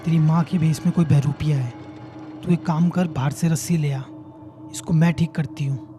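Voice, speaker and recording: A man's voice: on the high side, steady tone, normal speed, over music, lightly acted. A man voicing a stern, wise old grandmother who scolds and gives firm orders. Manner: scolding, commanding.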